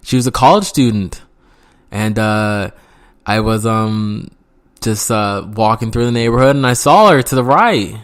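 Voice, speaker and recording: A man's voice: on the low side, measured pace, clear, resonant tone. A young man casually telling a story from his youth, rambling with lots of fillers and frequent swearing. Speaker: vlogger.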